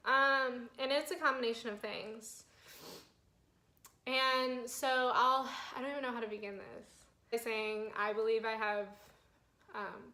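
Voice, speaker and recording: A woman's voice: mid-range voice, sharp tone, echoey room. A young woman in her twenties telling her health story to a phone camera, flustered and holding back tears, with many fillers. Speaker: vlogger. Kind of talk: personal health vlog. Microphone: phone camera mic.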